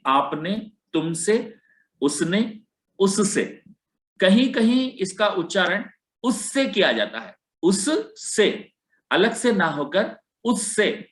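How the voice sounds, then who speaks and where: A man lectures at an unhurried pace, his pitch rising and falling a lot as he poses questions and answers them himself. He carefully sounds out example syllables. The room gives his voice a noticeable echo. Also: a bit bright. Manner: deliberate, spells out example words. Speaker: lecturer on Hindi teaching. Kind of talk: slide-based lecture.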